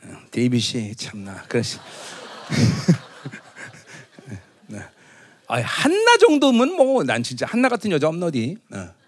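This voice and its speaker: A man's voice: mid-range voice, huge pitch swings, takes it slowly, long pauses. A middle-aged man preaching a Christmas sermon as pastor, chatty with his congregation, often asking them to agree, and acting out boastful proclamations. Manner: conversational, teasing the congregation with tag questions; acts out loud proclamations in a raised voice.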